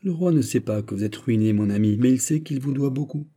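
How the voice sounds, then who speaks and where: A man voicing a calm, dignified and modest nobleman in a measured, quiet way, in an audiobook. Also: medium pitch, natural voice.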